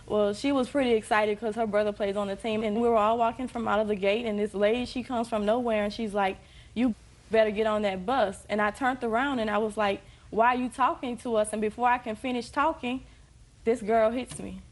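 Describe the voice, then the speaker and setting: A woman's voice: a little high, fairly even intonation, fairly quick. A young woman giving narrative testimony as a plaintiff in a TV court.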